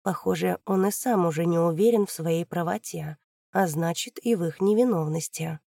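A woman narrating a crime novel audiobook in an even, measured way. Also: lowish voice, gravelly, no room sound, studio quality.

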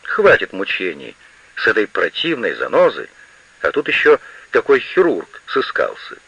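A grumpy old woman who orders everyone about and scolds without letup, read by a man. The voice is bright and a little husky, with wide swings in pitch. It comes through a muffled, lo-fi radio recording. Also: wildly swooping pitch, moderate pace, no echo, full character voice. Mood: imperious. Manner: scolding, imperious. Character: grumpy, fussy older woman, a mother-in-law.

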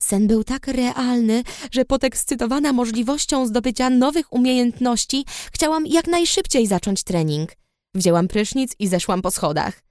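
A woman's voice: a little high, moderate pace, a little mellow, dry recording, studio quality. Woman narrating a story in first person. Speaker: audiobook narrator.

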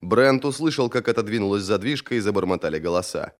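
A man narrating an audiobook with expressive, dramatic delivery. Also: fairly low pitch, fast.

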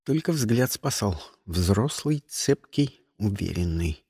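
A man narrating a first-person story in a wry, lively storytelling manner. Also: lowish voice, slow, slightly rough, no room sound, studio quality. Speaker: audiobook narrator.

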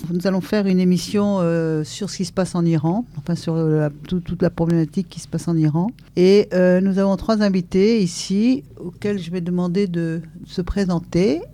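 A radio show host in a studio, presenting the programme and guests with a soft, mellow tone. The delivery is halting, full of small hesitations. The pitch sits in a middle range. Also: steady tone. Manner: hesitant, many filler pauses. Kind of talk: live radio introduction.

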